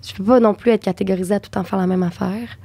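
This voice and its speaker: A woman's voice: mid-range voice, steady tone, mellow, slightly rough. A young woman with a Québécois French accent, an actress chatting candidly as a guest in an interview. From Quebec. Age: young adult. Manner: candid, chatty, quick agreeing replies. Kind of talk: casual interview chat.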